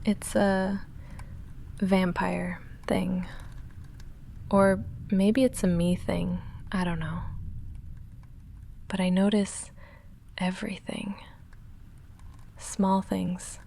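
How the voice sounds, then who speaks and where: A woman's gravelly, mid-range voice, with little pitch movement and a little hiss or hum, carries a confiding mood as she plays a goth vampire roommate in intimate ASMR roleplay. She is soft-spoken and halting, dry and guarded but quietly affectionate, often near a whisper.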